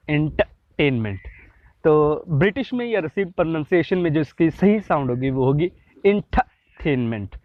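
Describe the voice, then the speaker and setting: A man giving a pronunciation lesson, slowing down to sound out example words one at a time. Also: a little high. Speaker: English pronunciation teacher. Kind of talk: explanatory lesson. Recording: dull lo-fi audio.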